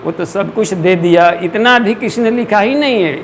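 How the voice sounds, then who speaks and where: A man lectures on spiritual practice in an earnest, explanatory way, pausing now and then to clear his throat. His voice sits high for a man. A faint background hiss runs under the talk. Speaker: spiritual teacher. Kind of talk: devotional lecture.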